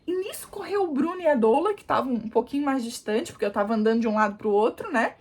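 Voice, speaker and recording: A young woman vlogger casually telling a story to camera in an animated way, often calling out to her viewers and showing what she did. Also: fairly high pitch, fast talker. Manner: animated, addresses viewers as "gente", demonstrates positions. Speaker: vlogger, new mother.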